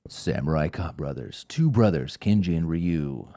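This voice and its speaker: A man's voice: extremely low pitch, animated, a little slow, mellow. A man co-hosting a casual live podcast, chatting and reading aloud in a mock-solemn way, laughing and tripping over the fancy words. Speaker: podcast co-host.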